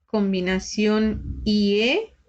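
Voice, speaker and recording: A woman's voice: mid-range voice, drawn-out words. A woman teaching a shorthand lesson, patiently spelling out letters one by one. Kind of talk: slow step-by-step lesson. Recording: slightly dull lo-fi recording.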